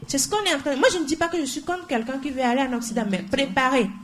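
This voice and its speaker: A young adult woman from Togo co-hosts a radio talk show discussion, speaking very fast in a high-pitched voice. She is emphatic, driving home her points by repeating phrases for weight.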